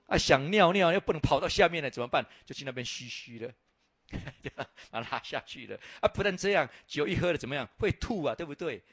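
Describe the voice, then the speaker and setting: Husky guy giving a bible-lands slide talk, animated, lots of "ah" fillers and questions to the room. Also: a little high, fairly quick, dry recording. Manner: lively storytelling with rhetorical questions; frequent filler "ah". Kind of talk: lecture over slides.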